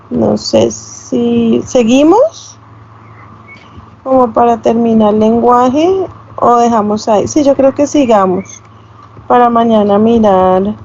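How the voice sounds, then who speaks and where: High-voiced woman teaching class. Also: takes it slowly, darkish tone. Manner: explanatory, checks with tag questions. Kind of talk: online class lecture. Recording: slightly dull, lo-fi sound.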